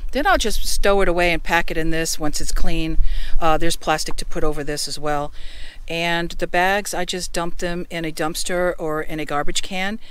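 A woman's voice: on the low side, normal speed, fairly bright tone, a little hiss or hum. A middle-aged woman vlogging from her car, casually showing and explaining her gear in a chatty, practical way with frequent ums and restarts. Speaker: van life vlogger. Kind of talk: casual show-and-tell demonstration. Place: inside a parked car.

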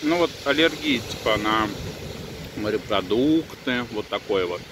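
A man's voice: lowish voice, measured pace. Man talking while chewing, windy seaside. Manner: relaxed, chatty, swears casually. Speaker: vlogger. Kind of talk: casual mukbang vlog. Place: outdoors by the sea, windy. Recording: outdoor wind and sea noise.

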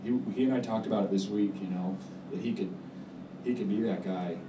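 Low-voiced man in his forties, football coach at a press table, measured halting answers, roomy distant sound, background noise. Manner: measured, halting, many fillers and restarts. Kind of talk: post-game press conference answers. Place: press room with backdrop, indoors. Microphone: table mic on stand.

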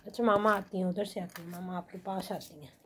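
A young mother vlogging at home, coaxing her babies in soft baby talk and calmly explaining their routine. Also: mid-range voice, fairly quick, a little hiss or hum. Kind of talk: casual home vlog. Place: at home, indoors and in a sunny yard.

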